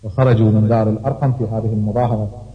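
A man's voice: on the low side, flat delivery, racing, phone-quality sound. A man preaching in a storytelling way, dramatically acting out the quoted speech. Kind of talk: sermon storytelling. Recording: long hall reverb.

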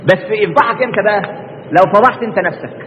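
A man's voice: sits high, quick pace, big-room sound, muffled recording, slight background noise. A man with an Egyptian accent preaching a colloquial religious lesson, constantly posing rhetorical questions and answering them himself. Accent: Egyptian Arabic.

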